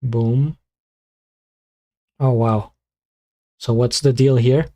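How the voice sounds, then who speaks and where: Slow, mellow-voiced man muttering through a stream setup. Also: medium pitch, fairly even intonation. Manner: muttering to himself while setting up stream software. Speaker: beatbox streamer. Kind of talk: casual live-stream chat.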